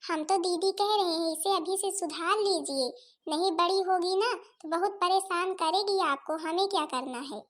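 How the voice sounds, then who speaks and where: A scheming, shrewish aunt in a cartoon, played by a woman, scolding and sarcastic in a very high, shrill voice. Her Awadhi accent colors every sharp remark. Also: moderate pace. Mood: complaining. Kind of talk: cartoon voice acting.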